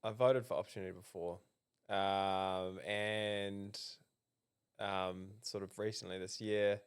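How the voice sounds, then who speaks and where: A man with a New Zealand accent, a political candidate being interviewed, who answers haltingly with many fillers and restarts. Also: lowish voice, fairly even intonation, clean tone. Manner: hesitant, many ums and restarts. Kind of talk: casual interview.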